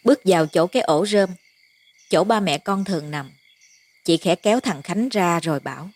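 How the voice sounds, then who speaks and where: A woman reading a Vietnamese-language horror story aloud in a steady, measured narration. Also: on the low side.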